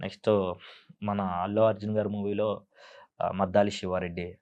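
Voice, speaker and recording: A man working as a mimicry artist, answering interview questions in a soft-spoken, halting way. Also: fairly low pitch, flat delivery, highs cut off. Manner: soft-spoken, halting explanations, frequent laughs. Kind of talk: casual interview talk. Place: interview studio.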